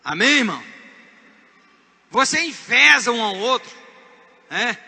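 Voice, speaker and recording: A man with a Brazilian Portuguese accent preaching a sermon as pastor. He is emphatic, swinging from hushed asides to shouted points. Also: very high voice, big pitch swings, measured pace, creaky, in a large hall. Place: church.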